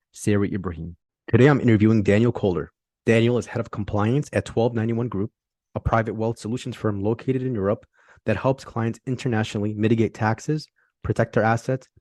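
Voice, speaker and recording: A man hosting a podcast who reads a scripted intro and then asks questions in a relaxed way. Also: on the low side, fairly quick, dry recording, studio quality. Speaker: podcast host.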